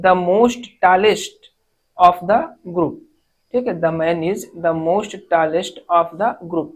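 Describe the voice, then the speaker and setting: Woman, exam-prep grammar teacher, lowish voice, slow word-by-word reading of example sentences. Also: poor audio. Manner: reads English sentences slowly word by word, then explains. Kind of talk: exam-prep lesson explaining errors.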